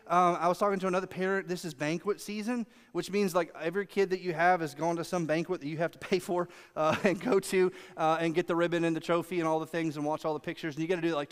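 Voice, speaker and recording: Pastor guy preaching, high voice, chatty w lots of asides, long hall echo. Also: smooth. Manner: conversational preaching with asides and rhetorical questions. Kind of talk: sermon.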